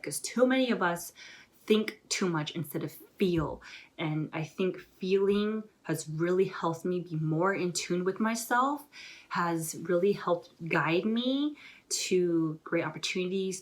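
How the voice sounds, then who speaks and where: A young woman vlogger talking casually and excitedly to camera, rambling with lots of filler words as she gives motivational advice. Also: fairly low pitch.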